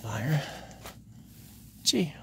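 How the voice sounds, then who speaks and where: An American vlogger from Rhode Island talks to the viewer while exploring outdoors and inside small huts at a tourist site, thinking aloud wryly. His voice is on the high side, sing-song, extremely slow, darkish, with vocal fry, on handheld camera with outdoor ambient noise.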